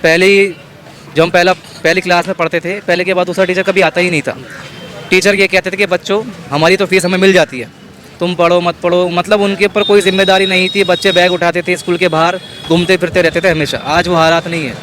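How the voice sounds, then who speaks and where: A man's voice: high voice, little pitch movement, fairly bright tone. A young man arguing insistently in a street interview. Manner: fast, insistent, argumentative. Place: busy city street outdoors. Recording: noisy street crowd around. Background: crowd and traffic.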